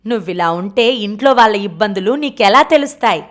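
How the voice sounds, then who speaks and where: A woman voicing a sharp-tongued older aunt who scolds her lazy nephew, read in an audiobook. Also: medium pitch, expressive, fairly quick, natural voice. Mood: scolding. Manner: scolding, reproachful.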